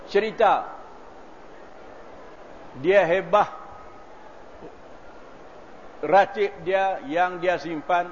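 A man preaches in a slightly raised voice and weaves lively stories into his sermon. He clears his throat now and then. The recording is dull and lo-fi, with a faint hiss underneath. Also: a little high. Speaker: religious preacher. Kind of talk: storytelling sermon.

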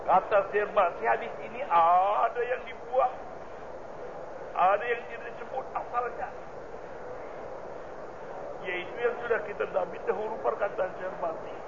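A man teaches a religious study lesson, working through a hadith text. He is emphatic and keeps posing questions to his listeners and then answering them himself. His voice sits high and gravelly, and the recording is muffled and lo-fi with clear noise behind him. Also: measured pace, pauses often.

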